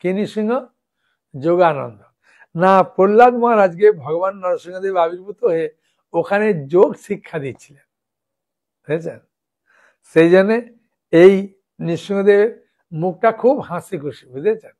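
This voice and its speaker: A man's voice: sits high, a little mellow. A man preaching in a live devotional talk, explaining patiently and often checking that listeners follow. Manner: slow, drawn-out when reciting lists of names.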